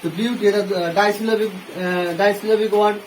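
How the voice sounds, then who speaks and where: A man's voice: high-pitched, fairly even intonation, brisk, a little hiss or hum, low-quality recording. A man with a Bengali accent teaching an English grammar lesson, explaining step by step and asking and answering his own questions.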